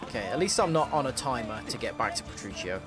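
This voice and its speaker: A man's voice: medium pitch, animated, fast. A man from Britain giving chatty, joking let's-play commentary. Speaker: streamer. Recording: commentary over game music.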